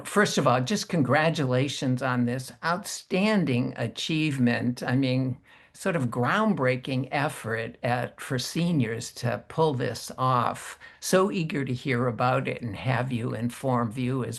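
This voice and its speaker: A man hosting an interview over a video call, with a formal, measured, welcoming delivery. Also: medium pitch, lively intonation, creaky. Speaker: host.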